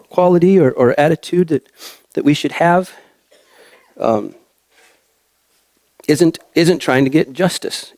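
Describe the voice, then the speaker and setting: A young adult man preaching a church sermon in a halting way, with many fillers and restarts. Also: on the high side, a little mellow, dry recording.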